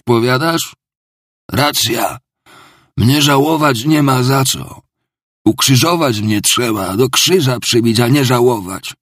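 Audiobook: man doing a boozy older male ex-clerk, raised gravelly voice, pleading, rambling, husky, dry close sound. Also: mid-range voice, a bit bright, no room sound, pitched above the performer's own voice. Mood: exalted. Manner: pleading, rambling, theatrical confession. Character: drunken, self-pitying older male ex-clerk. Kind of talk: audiobook character reading.

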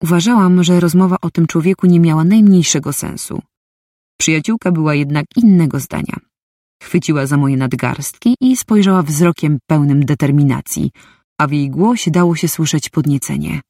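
A woman's voice: deep voice, moderate pace, dark tone, no echo, studio quality. A woman reading a first-person story aloud, with a wry, inner-monologue manner. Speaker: audiobook narrator.

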